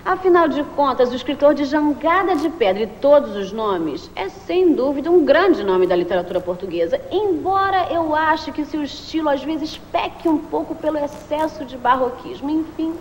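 High-pitched Brazilian blonde bimbo. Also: female voice, lively intonation, moderate pace, hardly any pauses. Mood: coquettish lecturing. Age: young adult. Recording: noisy old TV sound, background hubbub.

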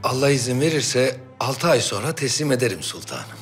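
A man's voice: mid-range voice, sing-song, normal speed, lightly acted. An actor playing a humble, earnest Ottoman court architect in a period drama, speaking respectfully. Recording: music under the dialogue.

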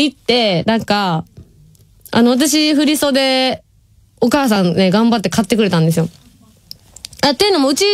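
A woman's voice: fairly high pitch, no echo, clean studio sound. A woman in her twenties from Hyogo with a Kansai accent, chatting casually on her radio show and reading listener messages, laughing often. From Nishinomiya, Hyogo, Japan. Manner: chatty, laughs often, drawls some words. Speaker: radio host. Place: radio studio.

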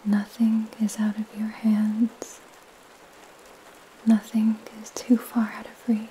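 A young woman giving a soothing, soft, breathy ASMR whisper, gentle and calming, with pauses between phrases. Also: on the high side, a little hiss or hum, rough recording. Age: young adult. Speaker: ASMR host reading scripture and praying. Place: small indoor room at home. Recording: steady rain sound behind the voice. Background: rain.

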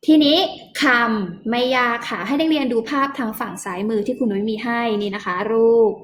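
Gentle woman teaching young children. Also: a little high, lively intonation. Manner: gentle, coaxing, drawn-out words for young pupils. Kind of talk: children's phonics lesson.

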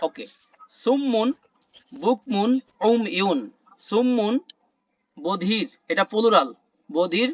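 A man teaching an online class, explaining word meanings slowly, repeating terms and quizzing the class. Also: high-pitched, sharp tone, no room sound, dull audio. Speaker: Quran vocabulary teacher. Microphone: video call.

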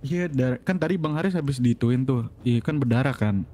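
A man streaming a horror game, loud and joking, yelping when scared. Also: mid-range voice, normal speed. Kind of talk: casual gaming stream chat.

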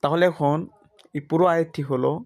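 A man teaching Quran reading, spelling out Arabic letters and vowel marks one at a time in a slow, methodical drill. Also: a little high, fairly even intonation, darkish tone.

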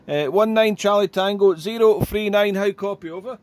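High-voiced radio ham. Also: male voice, moderate pace, darkish tone, slight background noise. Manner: chatty, repeats "there" and phrases. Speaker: amateur radio operator. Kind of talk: radio contact chat with spelling alphabet.

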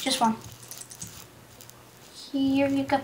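High-voiced woman chatting over a game. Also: fairly even intonation. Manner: chatty, quick to exclaim, reads quest text aloud. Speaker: gaming channel host. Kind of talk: casual game commentary. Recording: echoey room with faint hiss.

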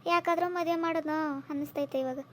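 A squeaky, very high and rapid cartoon voice of a grieving village mother, played by a woman. She pleads slowly and tearfully. It is a cartoon family drama. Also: fairly even intonation, background noise. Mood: worried pleading. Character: worried poor village mother, grieving for her daughter.

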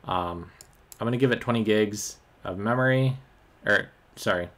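A tech tutorial host with a lowish voice walks through a screen-recorded software demo at a moderate pace. He sounds relaxed and uses plenty of ums and uhs.

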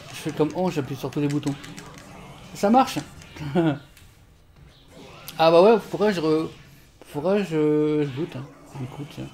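A man streaming a fighting game from home on a desk mic, swearing and shouting at the game while chatting with viewers. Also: on the high side, moderate pace, long pauses, faint music behind. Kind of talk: live gameplay commentary. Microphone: desk microphone.

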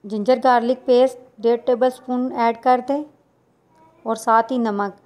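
A woman, talking viewers through a recipe step by step in a plain, unhurried voice-over. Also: a little high, fairly even intonation, darkish tone. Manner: plain instructional, unhurried with small restarts. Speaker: cooking channel host.

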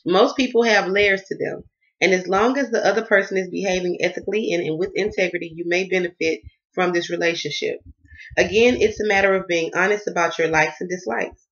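Bright-voiced Southern woman tarot reader. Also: fairly low pitch, steady tone, brisk, highs cut off. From Southern United States. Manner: emphatic, repetitive, addresses viewers as y'all. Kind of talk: casual tarot reading vlog.

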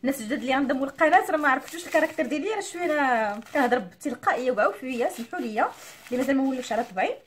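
A woman's voice: sits high, lively intonation, very fast. Chatty young Moroccan woman, slightly nasal. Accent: Moroccan Arabic. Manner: chatty, mixes in French words. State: nasal from allergy. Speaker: beauty vlogger. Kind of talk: casual unboxing chat.

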